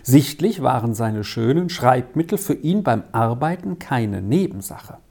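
An audiobook reader narrating an old-fashioned family story in an expressive, measured way. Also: mid-range voice, breathy edge.

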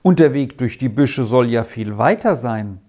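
A reader voicing a calm, gentle woman companion who tries to placate her friend in an audiobook story. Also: medium pitch, moderate pace, close to an everyday voice. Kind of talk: audiobook reading.

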